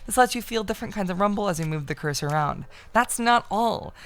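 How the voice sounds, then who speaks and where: Excitable gravelly-voiced woman streamer. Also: mid-range voice, fast. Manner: excitable, swears casually, reads on-screen text aloud. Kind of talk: casual live-stream commentary.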